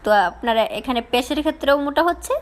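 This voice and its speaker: A woman teaching Arabic letter pronunciation, explaining the rules step by step and slowly repeating each sound to demonstrate. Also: sits high. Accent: Bangladeshi Bengali.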